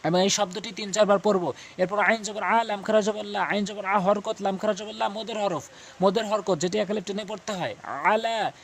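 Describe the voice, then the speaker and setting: Male Quran teacher, Bangladeshi Bengali accent, high voice, patient syllable drills. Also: steady tone, creaky, a little hiss or hum. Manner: drills syllables slowly and repeatedly. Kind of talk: spoken lesson on Quranic reading.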